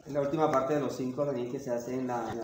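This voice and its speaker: A man, a student in the lesson, making brief quiet interjections from across the room. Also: medium pitch, steady tone, fast. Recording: distant, roomy, from across the room.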